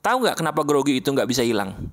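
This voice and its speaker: A man speaking as a motivational coach over an animated video. He talks directly and casually to the listener, slowing down to repeat the key phrases. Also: mid-range voice. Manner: repeats phrases slowly for emphasis. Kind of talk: motivational talk to viewers.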